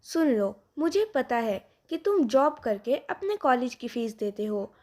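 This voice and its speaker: A woman's voice: sits high, very animated, measured pace, warm tone, heavily acted. A woman voicing a defiant young woman, the daughter of a rich father, who complains and schemes. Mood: scheming.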